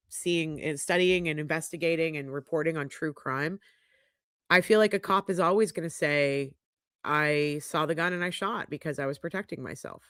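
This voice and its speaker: A middle-aged woman hosts a casual livestream from her home podcast studio, congested and sniffly, frankly chatting as she reads viewer comments aloud. Her low voice has a fairly bright tone, captured cleanly on a studio microphone with no echo.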